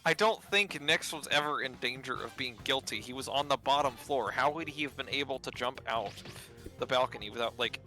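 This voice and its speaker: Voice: medium pitch, brisk, pushed and bright, faint music behind, low-quality recording. A co-host of a let's play, chatting casually over a mystery game and reacting playfully.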